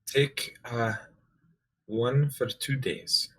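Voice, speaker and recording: A man's voice: mid-range voice, fairly even intonation, drawn-out words, sharp tone, husky, voice pushed up, exaggerated voice, poor audio. A man voicing a polite female ship navigator and potion maker, speaking hesitantly with many fillers. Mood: helpful.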